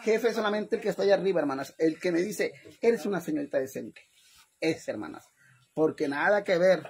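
A woman's voice: lowish voice, brisk. Chatty Mexican woman livestreaming. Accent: Mexican Spanish. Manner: chatty and animated, laughing often, repeatedly addressing viewers as "hermanas". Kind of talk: casual livestream chat to followers.

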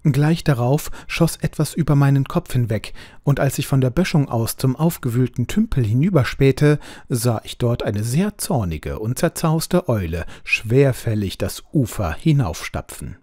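An audiobook narrator reads a scripted ghost story aloud, measured and expressive. His medium-pitched voice is recorded at studio quality with no room sound.

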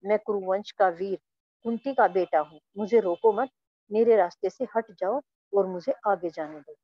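A woman voicing a proud, quick-tempered young warrior as she reads a story lesson aloud. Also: medium pitch, no room sound, muffled recording, lightly acted. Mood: proud, angry. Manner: stern, commanding reading.

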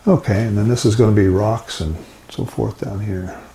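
An older man, a gentle painting instructor, talking in a low-key, musing way as he demonstrates watercolour step by step. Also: fairly even intonation, moderate pace, gravelly. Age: 60s or older. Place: indoors at a painting easel.

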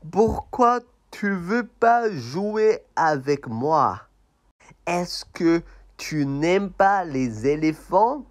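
A man voicing a childish, pushy male toy elephant in slow puppet play for learners, insistent and whiny, repeating himself. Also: a little high, animated, pitched above the performer's own voice. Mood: pleading.

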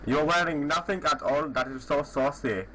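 A man voices a posturing tough guy in a clumsy put-on Indian accent, taunting and boasting nonstop. The tone is bright and forceful, a touch deeper than his natural voice. A faint hiss of line noise runs under it. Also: normal speed. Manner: aggressive, taunting, bragging. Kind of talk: prank call over voice chat.

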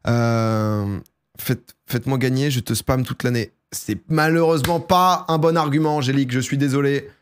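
A young man with a sore throat chats excitably and casually on a live stream at a moderate pace. His tone is clear and resonant, and he jumps into loud, high bursts.

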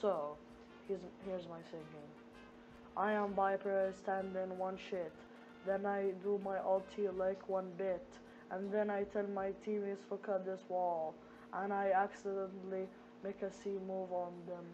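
A woman voicing a female game agent in a flat, robotic monotone, in a silly role-play skit. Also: mid-range voice, measured pace, dull audio, faint music behind. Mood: deadpan. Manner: flat, mechanical delivery.

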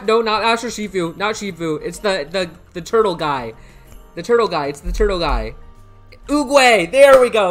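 A high, fairly bright male voice belongs to a young American hosting a live game stream at a computer in an indoor room. He chats casually over a headset mic, rambles and repeats himself, and reads chat messages aloud while thanking viewers by name.

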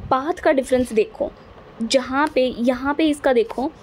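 A high-pitched, slightly mellow female voice explains a physics lesson to students a little slowly, over a faint hiss or hum. She goes over points again and again with patience, regularly making sure the class keeps up.

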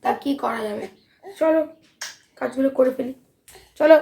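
This high, warm, creaky voice belongs to a young mother and vlogger talking casually at home at a moderate pace. Short on sleep, she rambles fretfully and keeps restarting.

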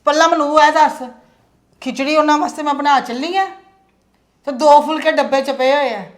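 A woman playing a harsh scolding mother, high-voiced. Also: steady tone, normal speed, close to an everyday voice. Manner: scolding, sharp-tongued. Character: harsh middle-aged mother scorning elderly in-laws. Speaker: mother and daughter-in-law. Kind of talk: family drama acting.

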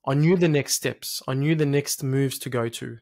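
In a small indoor home studio, with a close podcast mic on an arm, a man in his late thirties from Egypt and Australia talks about his life as a guest. His mid-range voice is a little mellow, and his conversational storytelling is reflective and halting, with phrases that recur.

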